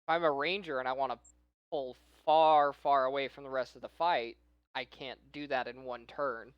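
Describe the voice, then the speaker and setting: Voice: medium pitch, steady tone, moderate pace, no room sound, dull audio. A podcast regular who runs tabletop games, explaining rules and ideas at length in long winding runs. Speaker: game master. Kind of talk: casual podcast chat.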